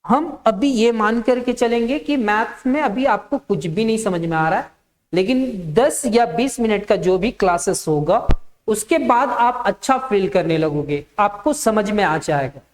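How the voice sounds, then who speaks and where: A woman's voice: medium pitch, lively intonation, unhurried. A woman teaching a maths lesson. She dictates step by step, asks the class questions and answers them herself, and repeats the key terms.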